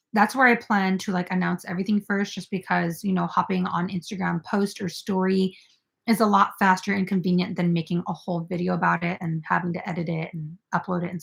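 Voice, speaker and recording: With a lowish voice and vocal fry, a young woman runs a laid-back crochet live stream. Chatty and heavy on fillers like "like" and "um," she talks with her viewers and reads out their comments.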